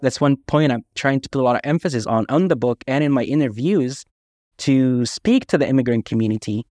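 A man from Egypt, a guest author telling emphatic, animated anecdotes in a casual interview. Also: mid-range voice, fairly quick, dry recording, studio quality. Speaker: guest, author and army veteran.

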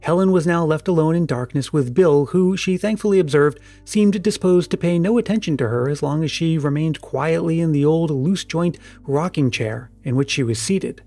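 A man narrating an old-fashioned adventure story in a measured, steady read. His voice sits a little high for a man. Quiet music plays softly under the narration. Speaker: audiobook narrator. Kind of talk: scripted narration.

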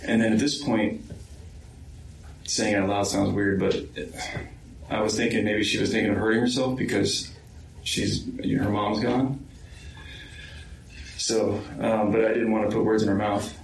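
A man with a low, flat voice speaks slowly in an interview, stopping often with ums as he recounts events. He sits some way from the mic in an echoey room, with a faint hum of room noise underneath. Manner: hesitant, slow, many ums. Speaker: interviewee, victim's son. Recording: roomy far-off interview mic.

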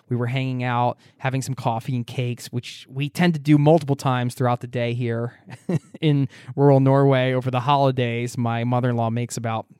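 A man's voice: medium pitch, darkish tone, smooth, no room sound, studio quality. A man hosting a podcast from a wooden cabin, chatting casually and cheerfully to listeners as friends. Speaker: podcast host. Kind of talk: solo podcast intro, casual chat to listeners.

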